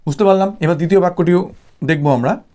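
A man from West Bengal teaching a Sanskrit grammar lesson for exams. He explains patiently and repeats points, with many "ah" fillers, and slows down to spell out example sentences. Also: high-pitched, warm tone. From West Bengal, India. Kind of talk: exam-prep grammar lesson.

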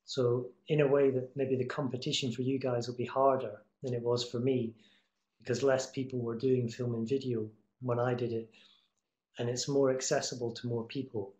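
Speaking at a normal speed and medium pitch, a middle-aged man answers students' questions as a guest speaker in an online talk; he edits TV promos. His delivery is flat but casual and encouraging, with many fillers and restarts, picked up by a webcam in an echoey room on a video call.

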